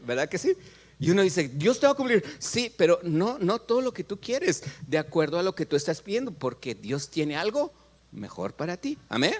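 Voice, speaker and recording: Mexican male pastor, middle-aged, sermon voice sitting high, big swinging pitch, plays out little dialogues. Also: moderate pace. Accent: Mexican Spanish. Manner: animated, acts out prayers and dialogues, asks the congregation questions. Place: church.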